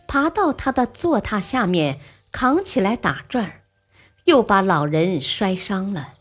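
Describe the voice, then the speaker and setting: Woman storyteller going slow, voice rising and falling a lot, faint music under her. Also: medium pitch, slightly rough. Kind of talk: storytelling narration of history.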